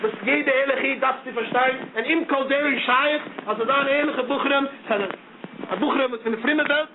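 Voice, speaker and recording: A man's voice: extremely high pitch, normal speed. A man giving an impassioned monologue who repeats himself and stammers as he gets heated. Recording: tinny phone-like audio with faint noise.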